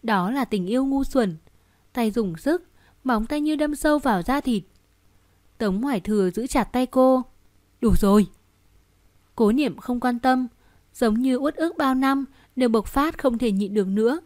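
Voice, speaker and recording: A woman with a fairly high voice reads a novel aloud in scripted narration. She tells the story steadily and expressively. The sound is dry and close, with no room around her. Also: animated, normal speed, a little mellow, dry recording. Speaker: audiobook narrator.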